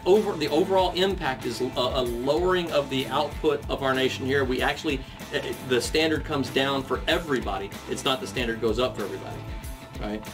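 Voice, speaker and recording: Man, debate host, rambling, restarts words, distant mic, faint music. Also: medium pitch. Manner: long-winded, stumbles and repeats words. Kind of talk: panel debate show.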